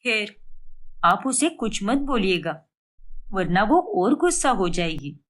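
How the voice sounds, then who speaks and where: A woman voicing a gentle young wife who pleads softly and sounds subdued. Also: medium pitch, very animated, slow, pitched below the performer's own voice.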